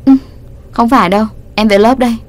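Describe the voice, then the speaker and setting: A feisty teenage schoolgirl from a storybook, quick to flare up and talk back, played by a woman reading aloud. Her voice sits higher and sharper than the narration around it. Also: fairly even intonation, lightly acted. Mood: huffy. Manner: indignant and sharp-tongued.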